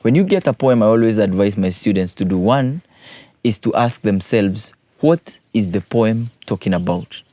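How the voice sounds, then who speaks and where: A man's voice: lowish voice, animated, moderate pace, warm tone, no room sound. A man, a teacher patiently explaining poetry exam questions and repeating key points.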